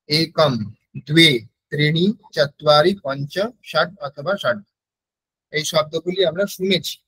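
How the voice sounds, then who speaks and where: A man with a Bengali accent teaching a Sanskrit class over a video call, patiently repeating words slowly so his students can copy them. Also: on the high side, dry recording, poor audio.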